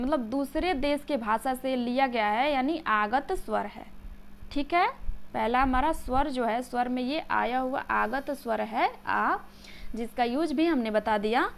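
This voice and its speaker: A woman teaching grammar for exam preparation, slowing down to spell out key terms and often checking whether students follow. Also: high voice, clean tone. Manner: checks understanding with frequent "samajh gaye?"; slows down to dictate key terms. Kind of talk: exam-prep lesson explaining letters.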